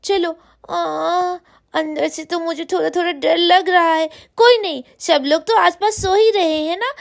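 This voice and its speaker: A frightened little girl doll in a cartoon storybook, voiced by a woman. Her voice sits very high and thin, and she whimpers and frets aloud to herself about ghosts. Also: steady tone, unhurried, vocal fry, heavily acted. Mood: fretful. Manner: whiny, frightened self-talk. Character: small timid girl doll, scared of ghosts.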